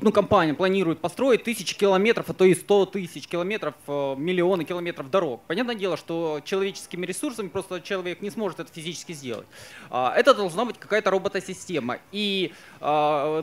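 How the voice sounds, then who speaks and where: A man in his thirties in an outdoor crowd asking a long, hesitant question into a handheld mic. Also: high-pitched. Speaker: audience member asking a question. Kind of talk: question at an open microphone.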